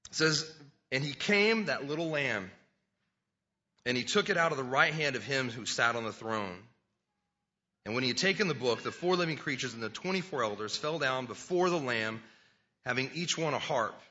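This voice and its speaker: Bright-voiced man preaching a sermon. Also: mid-range voice, animated, normal speed, muffled recording. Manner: earnest, conversational, repeats words as he restarts. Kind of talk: sermon with scripture reading.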